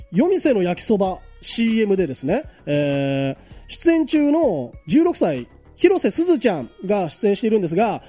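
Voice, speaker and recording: A high, very lively male voice, mellow in tone, running a casual radio news segment. He reads each item and then riffs on it with loose, joking asides, with faint music underneath. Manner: chatty, jokes about news, reads items then comments. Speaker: radio show host.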